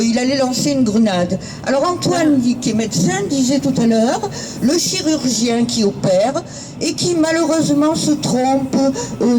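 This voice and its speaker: A man with a very high voice speaks hesitantly at an outdoor protest. He is picked up from a distance, and clear background noise runs under his words. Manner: hesitant, with fillers and restarts. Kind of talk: impromptu speech at a rally. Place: outdoor rally.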